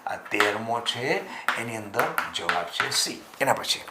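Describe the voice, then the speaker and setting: A man teaches chemistry exam prep in Gujarati, posing questions to his students and answering them himself while stretching key terms out slowly. His voice is medium-pitched, the sound is roomy, and there's heavy background noise.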